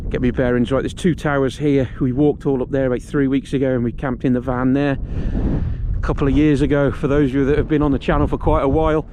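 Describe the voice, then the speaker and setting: A man's voice: medium pitch, little pitch movement, quick pace, lo-fi sound. A man chatting casually and jokily to camera, with some swearing, as he vlogs a hiking and camping trip outdoors in the wind. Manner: jokey, matey and sweary. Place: outdoors on a windy hillside. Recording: loud outdoor wind and ambient noise.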